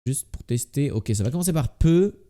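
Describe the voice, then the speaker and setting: A man's voice: mid-range voice, expressive, normal speed, warm tone. A man with a slight lisp on his s sounds, doing casual live game commentary as a streamer and muttering repeated word guesses to himself.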